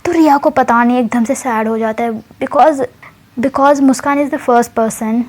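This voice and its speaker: A woman's voice: fairly high pitch, measured pace. A young woman casually retelling a love story, chatty, mixing English words into her talk and laughing often.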